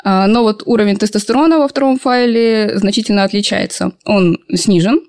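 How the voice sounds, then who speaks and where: A woman's voice: medium pitch, fairly quick, a little mellow, no room sound, clean studio sound. A woman speaking as an expert endocrinologist, giving conversational medical commentary in an explanatory, good-humoured way.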